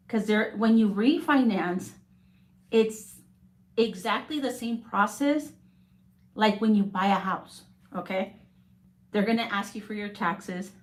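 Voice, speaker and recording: A woman who works as a real estate agent, talking in a casual, rambling way on a live stream and often checking in with "okay?". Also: mid-range voice. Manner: rambling, keeps adding "okay?". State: coughing.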